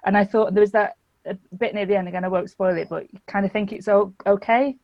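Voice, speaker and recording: A woman's voice: medium pitch, steady tone, fast talker, dry recording, muffled recording. A woman chatting expressively and emphatically as a guest in a casual film discussion. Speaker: podcast guest.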